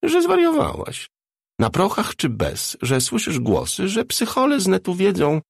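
A man's voice: sits high, huge pitch swings, a little slow, vocal fry, breathy edge, no echo, studio quality, pitched above the performer's own voice, full character voice. A man voicing a tall, flamboyant male hairdresser who scolds fondly and speaks of himself in the third person. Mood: secretive.

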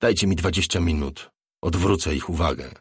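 A man voicing a calm, squeaky-voiced man speaking from a monitor in an audiobook. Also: normal speed, husky, dry recording, clean studio sound. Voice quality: squeaky and quiet.

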